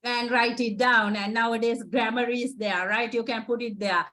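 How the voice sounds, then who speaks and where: Slightly high and steady, her tone is sharp and her pace moderate. This Sri Lankan woman, a Sinhala native with a Sri Lankan accent, gives students an encouraging lecture as a psychotherapist presenter, regularly closing points with "right?"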